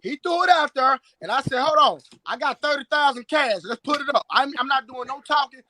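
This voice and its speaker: Boastful high bright-voiced man. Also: lively intonation, a little fast, a little hiss or hum. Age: 30s. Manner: boastful, emphatic, repeats words. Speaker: strength and conditioning coach. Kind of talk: live stream guest talk. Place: live video call.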